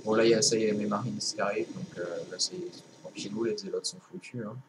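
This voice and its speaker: A man's voice: lowish voice, steady tone, rapid-fire, heavy background noise. A young man casually commenting his own strategy game match, rambling with lots of fillers and restarts. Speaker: gameplay commentator.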